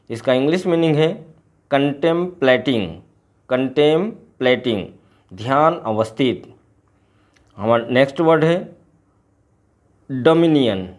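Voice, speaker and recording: Man teaching words slowly. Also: medium pitch. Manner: repeats each word slowly, then gives English and Hindi meanings. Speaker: English teacher. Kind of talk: explaining a poem's glossary word by word in a lesson.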